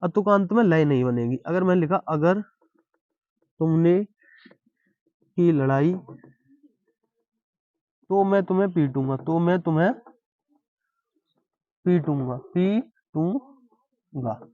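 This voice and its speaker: High-voiced man teaching in a dull dry recording. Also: warm tone, no room sound. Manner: explains slowly, keeps asking if it is understood. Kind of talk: classroom-style Hindi poetry lesson.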